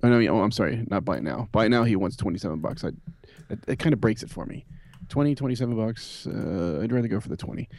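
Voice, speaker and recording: Casting: low-pitched male podcast co-host, relaxed rambling chat, dry close sound. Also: fast talker, no echo. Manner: relaxed, rambling with many fillers. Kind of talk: casual chat about vintage computers.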